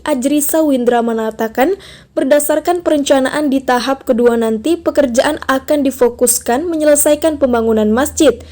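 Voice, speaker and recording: A woman narrating a scripted news report in a formal, steady way. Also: high-pitched.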